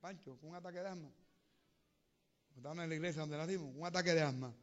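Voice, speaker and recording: Preacher guy, high bright voice, gets loud and fired up, kinda muffled recording. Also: quick pace. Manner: builds to loud fervent preaching. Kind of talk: sermon testimony.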